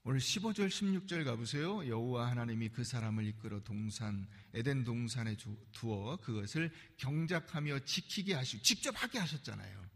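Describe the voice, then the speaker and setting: A man preaching a sermon as pastor, animated and acting out the voices he quotes. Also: medium pitch, moderate pace, few pauses, in a large hall. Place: church sanctuary.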